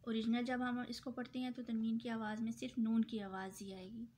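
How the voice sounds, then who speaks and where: A woman's voice: on the high side, little pitch movement, a little mellow, slight background noise. Woman teacher with a sore throat. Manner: patient, repeats points, slows down for drawn-out example words. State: sore throat, clearing it often. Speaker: Quran recitation teacher. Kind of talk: tajweed lesson.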